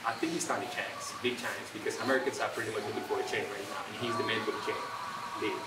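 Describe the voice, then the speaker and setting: Fast-talking young man from Gambia, distant. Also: lowish voice, steady tone. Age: young adult. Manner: fast talker with many "uh" fillers and restarts. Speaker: guest, entrepreneur. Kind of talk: interview answers. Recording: roomy, distant, loud ambient noise.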